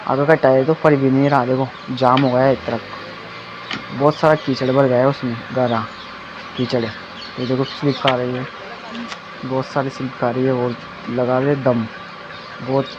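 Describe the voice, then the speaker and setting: On a muddy dirt road, a young man vlogs in a mid-range, level voice at normal speed, leaving long pauses in his rambling, repetitive narration full of "ye dekho" and "bhai." His phone camera picks up dull lo-fi sound and heavy outdoor noise.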